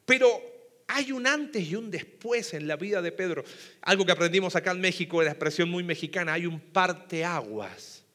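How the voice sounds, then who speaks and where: Bright high-voiced male preacher in a hall. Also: lively intonation, normal speed. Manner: conversational, asks the audience questions. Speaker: pastor. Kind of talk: sermon. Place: church hall before a congregation. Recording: long hall reverb.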